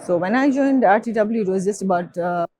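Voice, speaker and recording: A woman's voice: mid-range voice, brisk, noisy background. A woman from Kenya, giving a conversational interview with frequent fillers. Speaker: guest.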